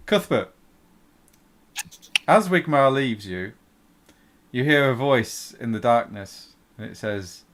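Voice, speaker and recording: A man's voice: mid-range voice, lively intonation, slow, long pauses, a bit bright, slight background noise. A man acting as game master, casually explaining rules and narrating a tabletop game.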